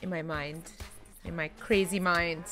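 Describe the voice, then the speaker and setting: A young woman commenting on her own video game play in a playful way, talking to the game's animals and making mock threats, with excited yelps. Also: lowish voice, a little slow, faint music behind. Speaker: gaming channel host. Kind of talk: Minecraft let's-play commentary.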